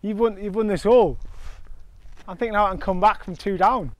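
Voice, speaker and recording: A man hosting a golf round outdoors, chatting casually with lots of self-mocking groans and loud reactions. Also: high-pitched, moderate pace, slight background noise. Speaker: golf channel host. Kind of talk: casual on-course banter.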